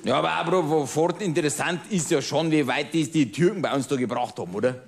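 A man's voice: on the high side, quick pace, close to an everyday voice. A man doing a smug Bavarian barroom blowhard. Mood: smug ranting. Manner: ranting, self-satisfied, keeps asking "verstehst?". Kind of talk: cabaret monologue.

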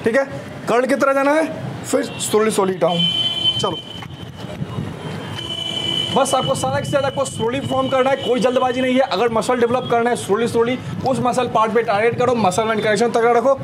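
Young male trainer, high voice, brisk coaching cues, rooftop shoot with traffic noise behind. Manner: energetic coaching, repeated "slowly slowly" and counting cues. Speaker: fitness trainer. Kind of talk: home workout demonstration. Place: rooftop terrace outdoors. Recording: noisy outdoor rooftop recording. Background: outdoor street ambience, vehicles.

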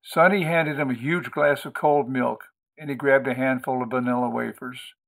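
A man hosting and reading an audiobook chapter in a steady, measured narration. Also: medium pitch, gravelly. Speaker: audiobook host and reader.

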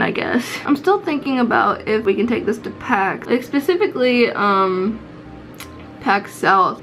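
A young woman from Florida in the United States, a vlogger and visual novel developer, chats candidly and informally about her own project in a small room at home. Her voice is medium-pitched with a fairly bright tone, and the recording quality is low.

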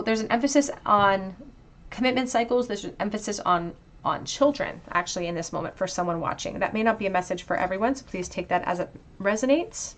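A woman giving a pick-a-card tarot reading, speaking gently and reflectively straight to the viewer. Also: medium pitch. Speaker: tarot reader.

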